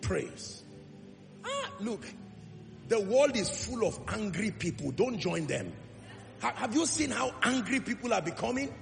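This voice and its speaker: A man with a high, gravelly voice preaches a sermon in a big church hall, and his words ring out with a long echo over faint music. He piles up repeated lines and builds to loud exhortation, then drops into a low, earnest tone. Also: sing-song, unhurried. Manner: emphatic, rising repetitions, shifts between loud exhortation and low earnest tone.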